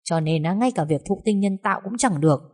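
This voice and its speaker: A woman voicing a sharp-tongued, defiant young daughter-in-law in an audiobook story. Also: mid-range voice, expressive, fast talker, natural voice. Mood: defiant scorn. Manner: cutting, defiant.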